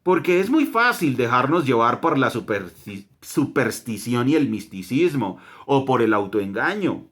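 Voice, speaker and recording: A man's voice: mid-range voice, sing-song, unhurried, few pauses, a bit bright. A man with a Colombian accent, teaching a Bible lesson to his family, emphatic, with rhetorical questions and repeated phrases.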